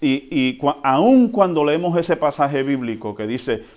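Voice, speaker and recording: A man preaching a sermon in a conversational way, often checking in with the congregation and swinging between quiet and loud. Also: fairly high pitch, unhurried. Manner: lively swings between soft and loud, with chuckles. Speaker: pastor.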